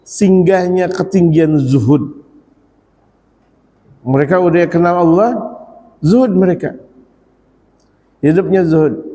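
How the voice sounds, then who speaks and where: Male preacher, lively sermon delivery, mellow voice, long reverb of a prayer hall. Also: sits high. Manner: animated, repeats phrases, chants prayers slowly.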